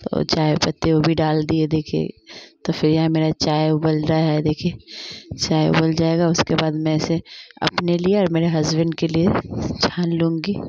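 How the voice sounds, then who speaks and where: A woman's voice: low-pitched, completely flat delivery, moderate pace, darkish tone, lo-fi sound, a little hiss or hum. A young woman narrating her evening routine in a family vlog, walking through each chore step by step. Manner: plain step-by-step narration, repeats "dekhiye". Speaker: family vlogger.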